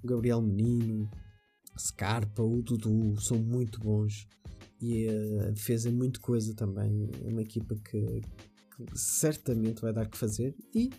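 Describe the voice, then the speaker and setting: Dark-voiced man hosting a podcast. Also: fairly low pitch, fairly even intonation, measured pace, faint music behind. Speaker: football podcast host. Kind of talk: conversational podcast monologue.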